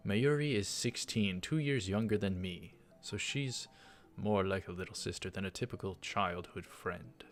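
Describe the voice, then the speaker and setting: This let's play host has a deep voice and a measured pace with few pauses. He reads a visual novel out loud, mixing in casual asides that ramble and hesitate, over faint background music from the game.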